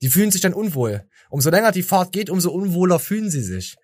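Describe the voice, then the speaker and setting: A man's voice: high voice, big pitch swings, fast, a little mellow, no room sound. A tired man hosting a podcast, rambling and joking with stammering restarts. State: tired from little sleep. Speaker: podcast host. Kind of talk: casual chat.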